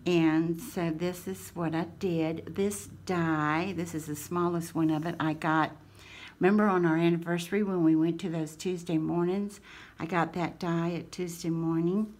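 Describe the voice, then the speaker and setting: A woman's voice: lowish voice, steady tone, moderate pace, darkish tone. A woman, chatting casually and affectionately to her craft channel viewers in a folksy drawl. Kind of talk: casual chat to camera.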